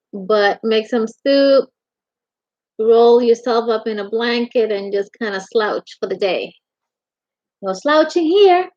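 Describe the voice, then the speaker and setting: A woman in middle age runs an informal livestream from her home craft room, speaking in a voice that sits a little high. Each viewer gets a warm hello and is called honey, while the audio sounds dull and lo-fi like a home broadcast.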